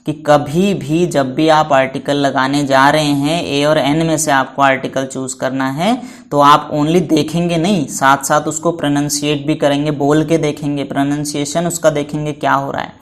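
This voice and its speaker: This man's voice is a little high, level, and fairly bright, at a moderate pace. He teaches English to kids patiently, as in a classroom, answering his own questions and spelling words one letter at a time. He fondly addresses his students as "beta."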